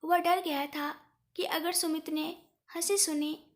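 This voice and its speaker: A woman reads a romance story aloud in a steady, even storytelling delivery. Her voice sits very high and light, and the narration is scripted and paced. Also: takes it slowly.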